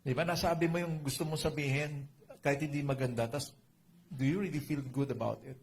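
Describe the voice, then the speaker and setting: A man's voice: on the high side, fairly even intonation, fairly quick, a little hiss or hum. A middle-aged man with a Filipino accent preaching a sermon in a chatty way, mixing in English, often asking his listeners "right?" and adding joking asides. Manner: Taglish code-switching, conversational, asks "di ba?" often; jokey asides with laughter. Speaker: pastor.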